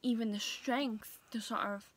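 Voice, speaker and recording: Slow, hesitant young woman. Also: a little high, fairly even intonation. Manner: hesitant, many pauses and fillers. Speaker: vlogger. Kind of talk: casual vlog talk to camera.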